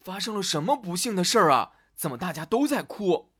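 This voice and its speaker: Man doing an earnest young suitor, storybook figure, lively voice. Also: fairly high pitch, normal speed, slightly rough, full character voice. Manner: earnest, puzzled.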